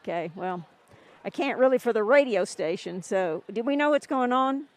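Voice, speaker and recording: A woman's voice: on the high side, expressive, moderate pace. A woman radio sports announcer filling air time during a game delay, chatting and rattling off scores and player stats.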